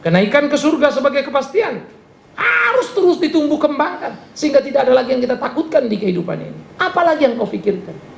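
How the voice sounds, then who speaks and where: Brief: male pastor, forceful sermon delivery, gravelly voice, roomy hall sound, faint noise. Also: extremely high pitch, racing. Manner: emphatic, animated preaching with acted quotes.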